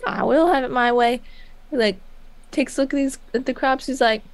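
A woman's voice: high voice, steady tone, fairly quick, dry recording. A woman running a tabletop game as game master, narrating casually and voicing a merchant. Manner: casual, laughing, voices a merchant.

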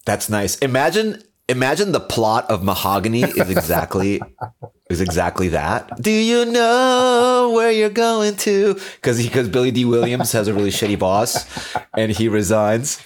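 Low-voiced, joking podcast host. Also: male voice, lively intonation, normal speed. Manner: jokey, teasing. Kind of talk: casual podcast chat.

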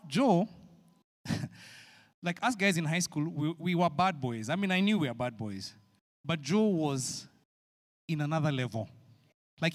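A middle-aged man preaching a sermon as pastor, telling a story animatedly and acting out his younger self. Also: high-pitched. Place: large church hall. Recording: long hall reverb.

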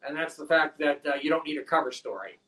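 A man speaking a touch higher than most men, heard from a little way off the microphone. He tells stories with earnest energy, talking about faith and his craft in a relaxed conversation. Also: fast talker, far from the mic, poor audio. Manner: animated storytelling, earnest.

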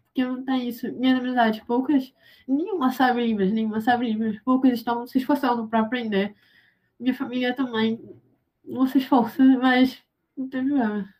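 A young woman, a university student with a Brazilian Portuguese accent, answers interview questions hesitantly, with lots of fillers and restarts. Her voice is a little high and somewhat dark in tone, steady, and fairly quick.

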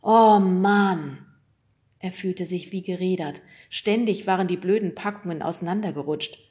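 A woman narrating a children's audiobook with lively, scripted storytelling. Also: on the low side, brisk.

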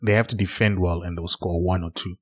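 A man gives blunt, opinionated football takes at a quick clip. His voice is husky and sits fairly low. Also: steady tone. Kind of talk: casual football chat.

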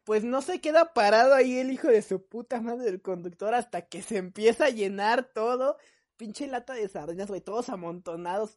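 A young adult woman with a Mexican Spanish accent, co-hosting a podcast and telling a story in casual chat, acting out her friends' lines. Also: medium pitch. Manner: animated, acts out friends' lines. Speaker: podcast co-host.

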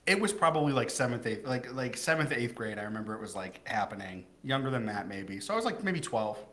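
A man's voice: mid-range voice, expressive, fairly bright tone. A young adult man from New Hampshire, a guest chatting casually and laughing easily in an interview. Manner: quick, upbeat, laughs easily.

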